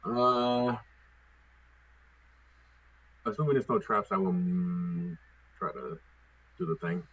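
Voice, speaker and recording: A man's voice: sits low, measured pace, fairly bright tone, slightly rough. A man playing a tabletop game, speaking hesitantly and trailing off, with many fillers. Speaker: player. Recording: dry, dull lo-fi mic.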